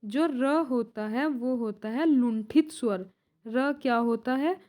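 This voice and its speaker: In a fairly high voice with a dark tone, a young woman runs an exam-prep grammar class. She keeps a slow pace and poses questions that she immediately answers, going over points again that way.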